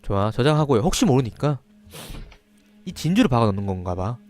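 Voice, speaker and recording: A man's voice: medium pitch, very animated, a little fast, a little mellow. A man doing horror game let's play commentary, reading text aloud and muttering asides to himself. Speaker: game streamer.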